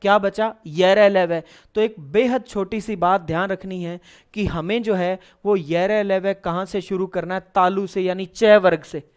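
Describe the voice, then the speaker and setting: A man teaching an online lesson. He explains step by step, asks questions and answers them himself, and drills lists of syllables in a steady rhythm. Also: high-pitched, moderate pace, smooth. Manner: explains step by step, asking and then answering his own questions.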